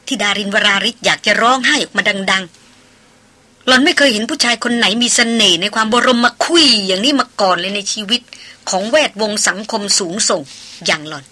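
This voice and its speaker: A woman reads a novel aloud in an expressive storytelling style. Her voice is bright and a little breathy, and she keeps a steady narrating flow. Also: mid-range voice, moderate pace. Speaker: audiobook narrator.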